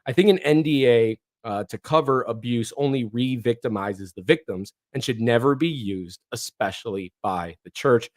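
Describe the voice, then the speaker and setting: Hardly pausing, a hoarse-voiced man hosts a livestream at a moderate pace, chatting casually and reading viewer comments aloud. He's from northeastern Ohio, speaks at a middle pitch with a worn quality, and rambles with many restarts, ums and uhs.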